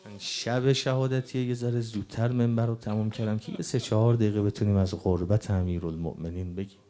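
Male preacher, mellow dark tone, mourning sermon, lamenting storyteller. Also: fairly low pitch, fairly even intonation. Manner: lamenting, grief-stricken delivery; storytelling, quoting old accounts.

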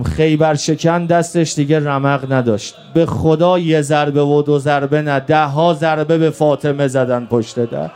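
A man's voice: on the high side, a little mellow, clean tone. A male preacher giving a mourning sermon from the pulpit, telling old accounts in a lamenting, grief-stricken way. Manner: storytelling, quoting old accounts.

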